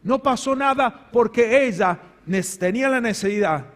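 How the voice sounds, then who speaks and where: High-voiced Argentine pastor preaching in a hall. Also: male voice, moderate pace. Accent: Argentine Spanish. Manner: dramatic swings between loud emphatic and low hushed delivery. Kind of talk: sermon. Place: large church hall. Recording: long hall reverb.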